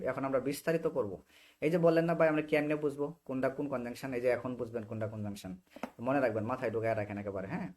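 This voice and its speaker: A young man with a Bangladeshi Bengali accent teaches English grammar to students on a video call. He repeats short phrases again and again and keeps asking whether they follow. His voice sits at an ordinary middle pitch for a man. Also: a little mellow. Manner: explains by repeating short phrases, checks understanding often. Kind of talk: online spoken English class.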